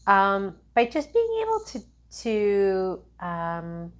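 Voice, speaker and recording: Speaking slowly at a medium pitch, this tarot reader lets her voice swing hugely up and down. She's a native English speaker offering a relaxed spiritual reading that wanders, with plenty of fillers and false starts.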